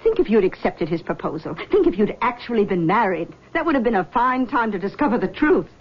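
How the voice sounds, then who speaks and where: A woman playing a middle-aged, genteel mother in a drama, soothing and measured, with a subtly manipulative, coaxing manner. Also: medium pitch, very animated, breathy edge, dull audio. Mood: persuasive. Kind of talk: scripted drama acting.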